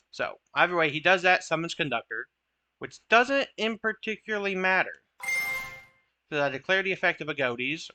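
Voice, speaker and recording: A man's voice: on the high side, pushed and bright, dry recording. A young man giving casual, chatty commentary over his own card game matches, joking at his own misplays. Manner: chatty, self-deprecating, occasional swearing.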